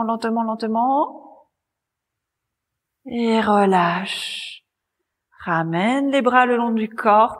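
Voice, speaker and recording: Calm breathy woman guiding a yoga class. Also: mid-range voice, in a large hall. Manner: calm, gently guiding, cueing breath and movement. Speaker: yoga teacher. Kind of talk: guided yoga class instruction. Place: yoga studio.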